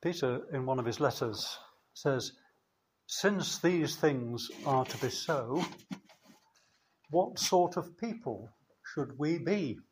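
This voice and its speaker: A man preaching a sermon in a church, slow and measured, with emphatic pauses. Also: medium pitch, lively intonation, breathy edge.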